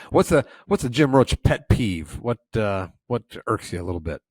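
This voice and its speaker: A friendly male interviewer with a fairly low voice asks his questions and slips in teasing asides. The recording is dry, with no room echo. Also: sing-song, moderate pace, darkish tone. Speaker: interviewer, senior editor. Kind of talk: business interview.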